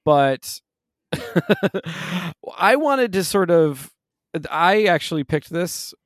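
A man co-hosting a podcast, talking with a lively, swinging pitch and laughing often. The recording is close and dry, with no room sound. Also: slow, no echo. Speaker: podcast co-host. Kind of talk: casual podcast chat.

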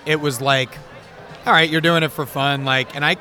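A man's voice: a little high, steady tone, normal speed, bright, forceful tone, soft background music, a faint crowd. A man, a comedy creator chatting casually and rambling with lots of "bro" and "man". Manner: laid-back, rambling, says bro and man. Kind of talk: casual chat.

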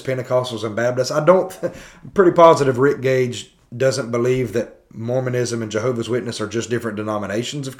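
Man dissecting a sermon on a podcast. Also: medium pitch. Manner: conversational, repetitive questions, thinking aloud with restarts. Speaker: podcast host. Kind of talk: critiquing a sermon, podcast commentary.

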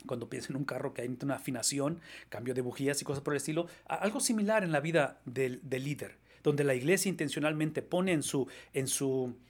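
A man's voice: medium pitch, fairly quick, hardly any pauses. A man preaching to a congregation, emphatic, often asking rhetorical questions and tagging his points with short checks for agreement. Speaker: pastor. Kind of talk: sermon.

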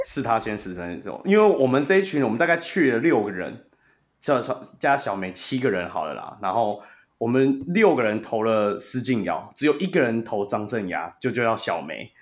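Male podcast host, Taiwanese Mandarin accent, animated and quick to laugh, average pitch. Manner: laughs often, animated storyteller. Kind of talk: casual sports podcast chat.

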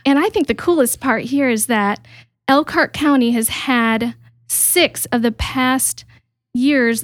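A woman hosts an interview podcast with eager enthusiasm, talking chattily and filling pauses with ums and you-knows. Her voice sits on the higher side. The sound is close and dry. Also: no room sound. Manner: enthusiastic, chatty, frequent fillers. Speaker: podcast host.

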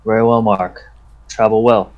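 A man's voice: on the low side, steady tone, normal speed, highs cut off, close to an everyday voice. A man playing an earnest, loyal lone werewolf messenger in a tabletop game, speaking formally and respectfully. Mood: courteous. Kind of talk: tabletop role-play character acting.

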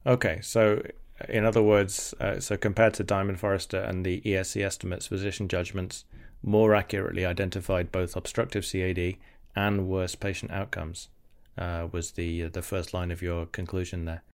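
A man's voice: low voice, flat delivery, moderate pace. A man hosting a podcast interview, asking thoughtful questions. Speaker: podcast host.

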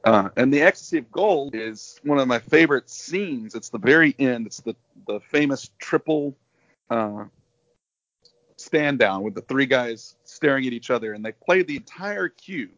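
A man's voice: medium pitch, expressive, moderate pace, fairly bright tone, no echo. Middle-aged man, video call audio, dull lo-fi sound, very dry, enthusiastic rambling storyteller, interview guest. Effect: heard over a video call, connection breaking up. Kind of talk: casual interview.

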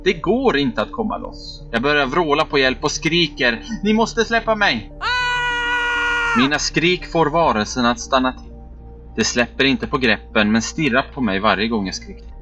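A man telling a first-person story as scripted narration, in a measured, steady delivery. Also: medium pitch. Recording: dull, muffled recording with faint background music.

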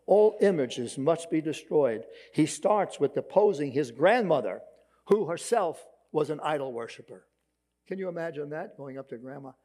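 Mellow Brooklyn preacher, a higher-voiced man. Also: expressive, normal speed. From Brooklyn, New York. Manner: emphatic, conversational preaching with rhetorical questions. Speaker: pastor preaching. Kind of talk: sermon.

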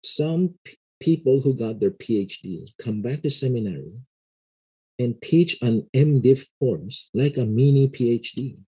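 A middle-aged man talks through his ideas in an unhurried, explanatory way, like a pastor who also teaches. His voice is mellow and warm, with a slightly husky grain. He speaks at a middle pitch and keeps dropping in a casual "you know". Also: expressive, rough recording. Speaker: pastor and seminary lecturer. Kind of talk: casual interview talk.

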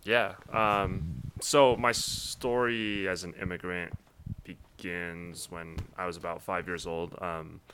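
Young guy from taiwan, low voice but bright, thinks out loud with lots of ums. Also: steady tone, slight background noise. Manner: thoughtful, measured, many ums. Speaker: guest. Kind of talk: casual interview.

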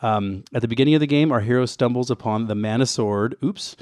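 Guy on a retro game podcast giving background, joky asides, dry close sound, regular mid pitch. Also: a little fast, a little mellow, no echo. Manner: wry joking asides while presenting notes. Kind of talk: casual retro gaming podcast talk.

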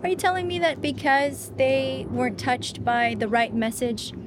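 A woman talking as a guest in a casual conversation, animated and chatty with lots of fillers. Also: sits high, normal speed, noisy background. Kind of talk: casual conversation about faith.

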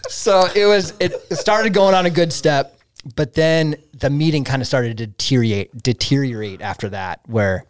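A man's voice: medium pitch, moderate pace. A man telling anecdotes in a casual, slangy way, acting out bits of dialogue as he goes. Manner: laughs often, acts out dialogue, slangy. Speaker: podcast guest, trail builder. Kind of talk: animated anecdote, casual chat.

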